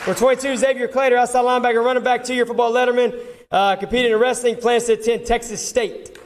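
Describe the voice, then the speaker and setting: A man in the role of a football coach presenting awards informally runs through a roster for the audience. His delivery is flat and quick with a very high pitch, captured live amid crowd noise and clear background noise.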